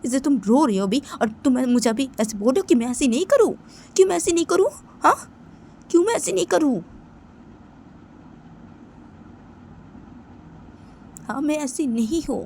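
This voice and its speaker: A woman voicing an angry young woman who keeps repeating herself, loud and indignant, in a homemade storytelling video. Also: on the high side, creaky, a little hiss or hum, voice pushed up. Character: young woman, furious at her own mother.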